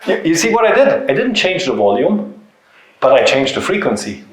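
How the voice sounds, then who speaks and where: Speaking at normal speed in a slightly high voice with big pitch swings, a company founder gives an informal, didactic seminar talk packed with short emphatic phrases and rhetorical questions. He's a native German speaker with a German-speaking European accent, recorded in a very reverberant indoor seminar room.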